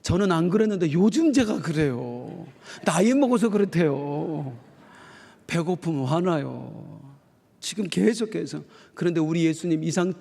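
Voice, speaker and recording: A middle-aged man preaching a sermon as pastor, telling stories in a folksy, animated way. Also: fairly high pitch, gravelly. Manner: folksy, animated storytelling with acted quotes. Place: church sanctuary. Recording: long church hall reverb.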